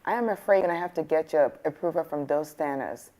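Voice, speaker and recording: Woman doing a strict county inspector, super low and firm. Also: fast talker, mellow, close to an everyday voice, rough recording. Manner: firm, businesslike.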